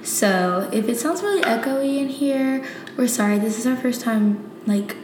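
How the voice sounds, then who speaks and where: A woman's voice: animated, measured pace. A young woman co-hosting a podcast, chatting casually and slangily, recorded in a kitchen. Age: young adult. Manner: informal, slangy. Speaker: podcast co-host. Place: kitchen of an apartment. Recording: echoey room, faint low rumble.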